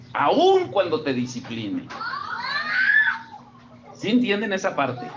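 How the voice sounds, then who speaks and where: A man's voice: a little high, a bit bright, lo-fi sound, slight background noise. A middle-aged man with a Mexican accent, a pastor giving a conversational sermon and asking his congregation questions. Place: church service.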